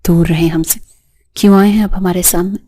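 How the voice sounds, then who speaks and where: A woman's voice: on the low side, steady tone, dark tone, lightly acted. A woman reading as a stern, wounded young mother. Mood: bitter reproach. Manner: firm, reproachful. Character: proud hurt young mother, stern but trembling.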